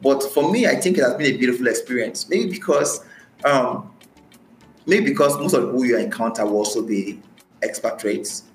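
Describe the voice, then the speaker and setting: A Nigerian-accented man from Nigeria, guesting on a podcast, speaks expressively and a little fast in a mid-range voice while describing his experiences, often repeating phrases to emphasize them. It's a conversational interview recorded with roomy echo and faint music.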